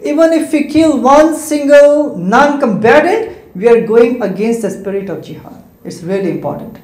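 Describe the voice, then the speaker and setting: Very high-voiced yet darkish in tone, this Islamic speaker, a native Hindi and Urdu speaker, fields students' questions in a big indoor community hall through a handheld mic. He lays out his points one by one, tossing in "right?" checks, with the hall's echo around him.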